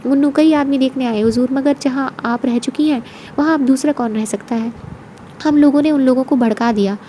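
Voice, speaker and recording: A woman's voice: sits high, a little fast, mellow, a little hiss or hum, lightly acted. Woman voicing a fawning servant man. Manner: obsequious, keeps addressing his mistress as huzoor. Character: fawning male servant, flattering and talkative.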